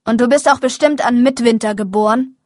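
A woman's voice: fairly high pitch, brisk, a little mellow, dry recording, studio quality, close to an everyday voice. A woman reading the lines of a cold, menacing male rider who interrogates people in an audiobook.

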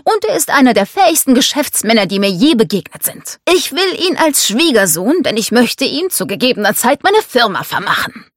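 Woman voicing a bossy rich father, commanding and scornful, lively swooping delivery, dry close sound. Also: fairly high pitch, normal speed, hardly any pauses, dry recording, voice pushed up. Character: domineering rich American father, blunt and harsh.

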